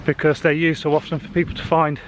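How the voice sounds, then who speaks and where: A man's voice: fairly high pitch, flat delivery, fast talker. A man, chatting casually to a handheld camera while walking a wooded hill path, slightly out of breath, with frequent fillers. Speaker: social media marketing vlogger. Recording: faint outdoor noise.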